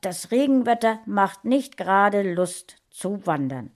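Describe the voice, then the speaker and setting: A woman voicing a calm, firm mother in a read-aloud story. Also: mid-range voice, measured pace.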